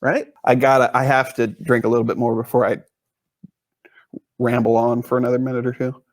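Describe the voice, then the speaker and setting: A man's voice: mid-range voice, little pitch movement, brisk, no echo. A man from the US Pacific Northwest hosting a casual beer review podcast, rambling and joking as he reads reviews aloud.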